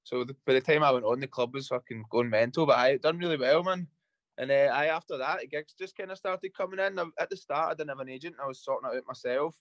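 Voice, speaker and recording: A man's voice: mid-range voice, fast, no echo, dull audio. A young Scottish man, a guest DJ, chatting in a laid-back, rambling and sweary way in a radio studio interview. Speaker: guest DJ and producer. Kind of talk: casual interview chat.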